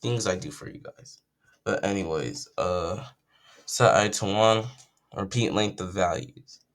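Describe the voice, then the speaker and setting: Still croaky from just waking up, a young man sits at his computer and walks through a casual coding tutorial, thinking aloud and correcting himself along the way. His voice is low-pitched and his pace measured.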